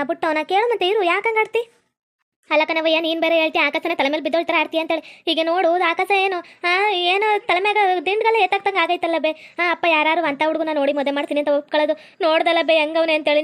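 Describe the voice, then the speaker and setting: A woman with a very high, piercing voice and a North Karnataka Kannada accent. She rattles along quickly in a rustic, scolding, complaining tone, acting out village characters for a cartoon comedy. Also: a bit bright.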